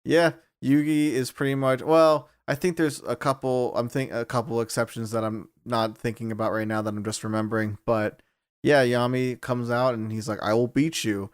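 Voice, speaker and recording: A man co-hosting a podcast, chatting casually, laughing often and acting out characters in quick voices. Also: mid-range voice, little pitch movement, smooth, no room sound, studio quality. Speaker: podcast co-host.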